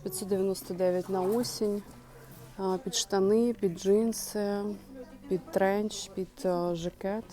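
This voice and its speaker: A woman's voice: mid-range voice, fairly even intonation, measured pace, mellow. A woman chatting to her viewers while browsing a clothing and home goods store, thinking aloud in a casual shopping vlog. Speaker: shopping vlogger.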